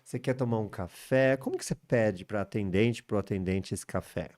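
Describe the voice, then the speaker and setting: Brazilian English teacher, male, mellow dark tone, chatty tag-question delivery, lively intonation. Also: fairly low pitch, moderate pace. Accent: Brazilian Portuguese. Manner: lively, rising intonation with frequent "né?" and "tá?" tags. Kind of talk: teaching English in a video lesson.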